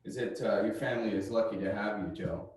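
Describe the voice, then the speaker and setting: A man's voice: on the low side, steady tone, fairly quick, a little mellow. Man technician, far off in an echoey room. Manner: polite, hesitant, friendly questioning. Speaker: service technician in a sales role-play. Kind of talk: improvised training role-play. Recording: very echoey room, far from the mic, faint noise.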